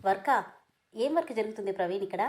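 A woman voicing a stubborn, sharp-tongued young woman who keeps snapping back. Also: mid-range voice, fast talker, a little hiss or hum, natural voice. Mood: curt. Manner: snappy, irritated retorts.

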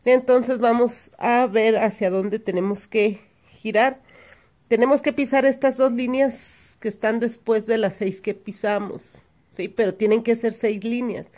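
A woman gives a calm, step-by-step hand embroidery lesson. She counts each stitch aloud and pauses to check that her listeners are following. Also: fairly high pitch. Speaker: embroidery teacher. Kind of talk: step-by-step craft tutorial.

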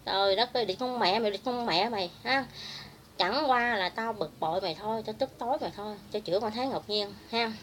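A woman's voice: mid-range voice, fast, fairly bright tone, slight background noise. Furious woman ranting. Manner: heated, crude, insulting. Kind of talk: angry vlog rant.

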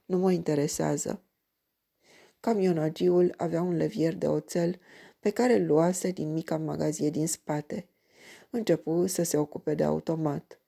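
Woman, story reader, measured, dark, mellow, husky. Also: low-pitched, fairly even intonation. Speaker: audiobook reader. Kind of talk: read-aloud crime story.

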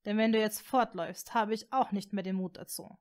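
A woman reading a fan story aloud, voicing a gentle, tentative blond teenage boy wizard in a soft, hushed voice. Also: mid-range voice, steady tone, fairly quick, close to an everyday voice.

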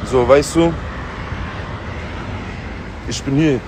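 A man's voice: mid-range voice, drawn-out words, noisy background. A man talking in a live stream, insistent and slangy, throwing out rhetorical questions.

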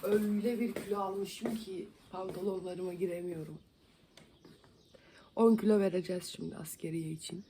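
A woman's voice: lowish voice, fairly even intonation, normal speed, mellow, a little hiss or hum. A young woman from Van chatting and joking with viewers while doing her makeup at home in a casual vlog. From Van, Turkey. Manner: chatty, joking, self-mocking. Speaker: beauty vlogger. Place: home, indoors.

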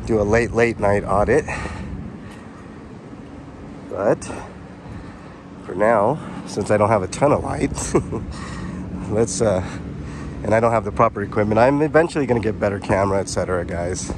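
A man's voice: fairly low pitch, moderate pace, long pauses. Chatty man vlogging on a noisy street. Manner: rambling, chatty, addresses viewers directly with fillers. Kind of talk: casual walking vlog narration. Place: outdoors on a city sidewalk. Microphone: handheld camera mic while walking. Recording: street traffic noise behind. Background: traffic.

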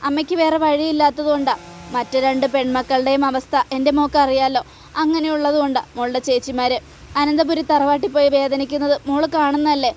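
A woman reading the lines of an anxious, loving mother of grown daughters, soothing and imploring, in a high voice. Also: flat delivery, a little fast, a little mellow, slight background noise, lightly acted.

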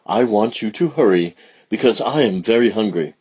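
Man reading a brisk mother alligator, deep husky voice, scolding, lively. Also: muffled recording. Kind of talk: storybook reading.

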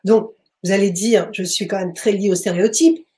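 A woman recounts a personal experience in an interview, pausing often to search for the right word. Her voice is warm and mellow, sitting in a middle range. She speaks hesitantly, with frequent restarts. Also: medium pitch, steady tone. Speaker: author and medium. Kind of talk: interview storytelling. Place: bookshop.

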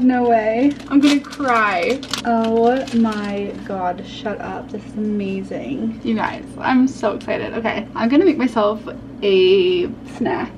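A young woman vlogging from home as a college student, talking casually and swinging between stressed mumbles and excited chatter. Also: medium pitch, background noise. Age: young adult. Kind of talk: casual vlog talk.

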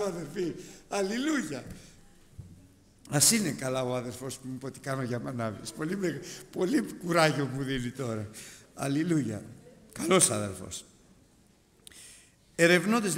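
A middle-aged man preaching a sermon with passion, rising to shouts and dropping to quiet asides. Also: a little high, very animated, pauses often. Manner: impassioned, swings between shouting and quiet asides. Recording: long hall reverb.

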